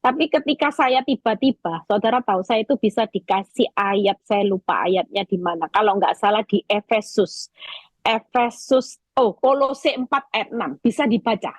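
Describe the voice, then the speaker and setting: A woman evangelist preaching over a video call, telling stories in a lively way and speaking straight to her listeners. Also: medium pitch, normal speed, no echo. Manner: lively storytelling, addresses listeners directly.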